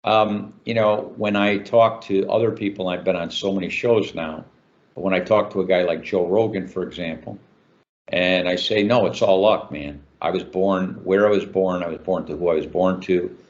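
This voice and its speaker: A man's voice: deep voice, fairly even intonation, moderate pace, highs cut off. An older man from Chicago, an author answering interview questions in a talkative way, with many fillers and restarts. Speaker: author guest.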